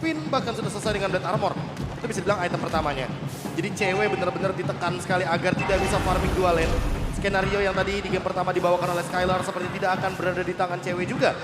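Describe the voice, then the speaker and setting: A man's voice: high-pitched, fairly even intonation, rapid-fire. A man giving analytical live commentary on an esports match. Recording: echoey sound, loud music behind.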